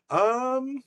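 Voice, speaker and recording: A man hosting a commentary video, reacting to a clip in a halting, incredulous way. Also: extremely high pitch, fairly bright tone, slight background noise. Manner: incredulous, halting, laughs in disbelief. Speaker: commentary host.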